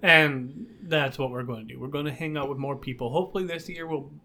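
A man's voice: on the high side, fairly quick, bright, forceful tone, a little hiss or hum. A man co-hosting a podcast in casual chat, rambling with many fillers and a slight toothless lisp. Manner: rambling, filler-heavy, upbeat. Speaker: podcast co-host.

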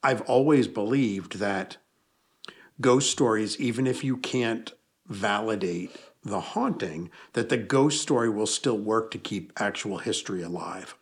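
A man who is an author and podcast guest tells stories in a casual interview, rambling and correcting himself along the way. His voice is lowish with a breathy edge, and he speaks unhurriedly.

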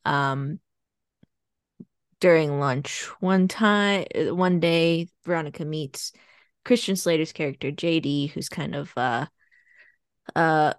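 A woman's voice: low-pitched, slow pace, long pauses, no echo, studio quality. A woman co-hosting a podcast, chatting casually and retelling a plot with lots of fillers. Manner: rambling plot summary with fillers and laughs. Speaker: podcast co-host. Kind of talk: casual chat.

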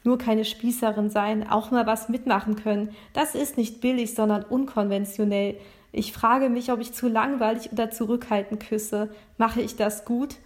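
A woman's voice: on the high side, steady tone, normal speed. Woman reading a first-person story. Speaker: narrator.

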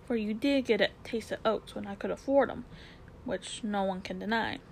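A woman's voice: mid-range voice, moderate pace, creaky, slight background noise, lightly acted, rough recording. A woman voicing a plain-spoken London cabman with a Cockney accent, dropping his h's. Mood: earnest. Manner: h-dropping, earthy and blunt.

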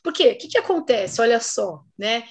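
Brazilian professor, middle-aged woman, high voice, lively casual podcast talk. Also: moderate pace, husky. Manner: animated, acts out quoted voices. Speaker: research supervisor and professor.

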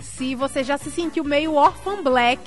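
A woman hosting a live-streamed interview, chatting lively and reading out viewer messages. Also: high voice, unhurried, soft background music. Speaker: interview host.

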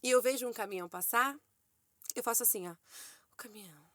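A woman co-hosting a podcast, telling a story in a casual, animated way and sometimes acting out a child's excited voice. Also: fast talker, dry recording, clean studio sound. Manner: animated storytelling, acts out her toddler's high excited voice. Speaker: podcast co-host. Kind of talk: casual chat.

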